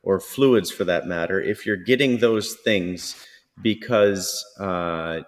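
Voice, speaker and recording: A man co-hosting a podcast, speaking haltingly with frequent pauses and fillers. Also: low voice. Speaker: podcast co-host. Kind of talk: casual discussion. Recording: reverberant room sound.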